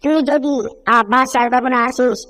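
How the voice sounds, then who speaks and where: A stern cartoon house mistress who scolds her pet cat and threatens him, as a woman puts her on. Her voice is a touch higher than an everyday one and firm. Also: fairly even intonation, moderate pace, fairly bright tone. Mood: angry. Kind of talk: Bengali fan cartoon dub.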